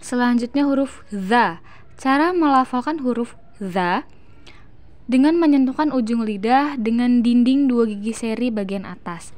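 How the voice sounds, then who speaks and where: Young Indonesian woman teaching recitation, high and unhurried, sounding out each syllable in long drawn-out examples. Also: darkish tone. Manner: demonstrates syllables slowly and drawn out. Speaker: student presenting a Quran recitation lesson. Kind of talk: instructional explanation with slow demonstrations.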